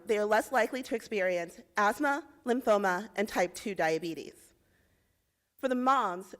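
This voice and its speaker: A young woman from Indiana giving a rehearsed policy pitch, with measured, persuasive delivery of facts and figures. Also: a bit bright. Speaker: presenter in a policy pitch competition.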